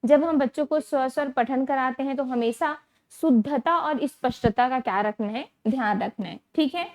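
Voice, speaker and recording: High-pitched lady teacher doing exam prep, repeats stuff slow, keeps asking "got it?". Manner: repeats key terms slowly, checks understanding with rhetorical questions.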